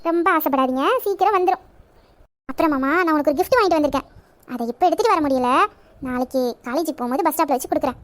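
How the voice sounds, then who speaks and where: A woman's voice: high voice, racing, natural voice. A woman voicing a young college girl in love in a romantic audio drama, pleading and coaxing her sweetheart. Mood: affectionate.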